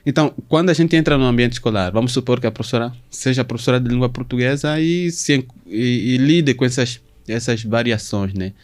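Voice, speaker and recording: A man from southern Brazil hosting an interview, asking long questions in formal, halting phrasing with many restarts. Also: medium pitch. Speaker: host.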